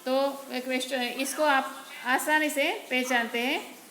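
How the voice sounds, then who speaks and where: A woman from Gujarat teaches Hindi grammar in a lesson, going step by step with patience and often saying "barabar". Her voice is high and a bit bright, slow, with fairly even intonation. The room echoes and has faint noise.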